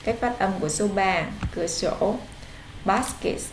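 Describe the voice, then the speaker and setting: Slow-talking woman tutor, echoey room. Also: medium pitch. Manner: slow, drawn-out model pronunciation alternating with explanation. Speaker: English tutor. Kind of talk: online English vocabulary lesson. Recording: echoey room with faint background noise.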